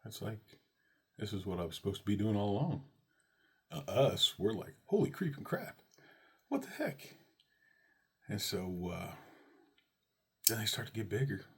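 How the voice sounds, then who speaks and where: Man, very low husky voice, animated fatherhood story, jumps high on exclamations. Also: normal speed, pauses often. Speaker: father telling a personal story. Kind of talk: personal storytelling to camera.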